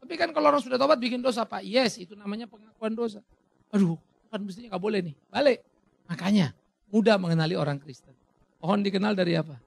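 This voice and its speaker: A middle-aged male pastor delivering a lively, theatrical sermon, acting out little dialogues with sudden loud bursts. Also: high-pitched, quick pace, gravelly.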